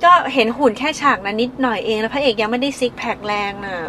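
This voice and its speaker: A chatty woman co-hosts a casual film review chat, her voice sitting a little high. She talks freely and playfully. Faint traffic hums behind her. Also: fast, a bit bright. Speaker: podcast co-host.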